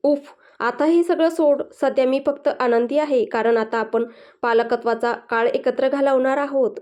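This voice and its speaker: A woman's voice: sits high, steady tone, moderate pace, darkish tone, close to an everyday voice. A woman voicing a playful, affectionate young husband in a read-aloud story. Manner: playful, teasing. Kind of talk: storybook dialogue reading.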